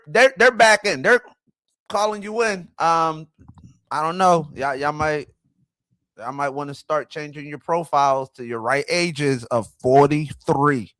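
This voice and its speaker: A man's voice: fairly high pitch, bright, forceful tone, no echo. A man in his forties hosting a live stream, chatting casually and rambling with self-corrections as he greets viewers. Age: 40s. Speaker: livestream host. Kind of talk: casual livestream chat.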